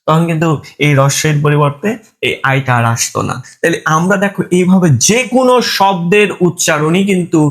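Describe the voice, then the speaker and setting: A man teaching a grammar lesson, asking his students questions and answering them himself. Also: a little high. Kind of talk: online lesson.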